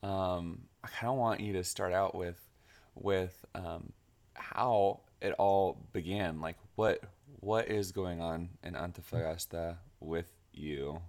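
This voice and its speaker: A man hosting a casual interview, relaxed and with frequent fillers. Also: low-pitched, takes it slowly. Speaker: podcast host.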